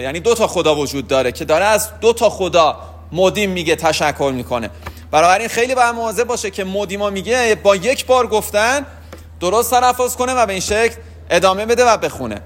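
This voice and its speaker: A man giving a spoken religious lesson, explaining the rules of prayer and pausing often to ask and answer his own questions. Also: high voice, a bit bright. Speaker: religious teacher.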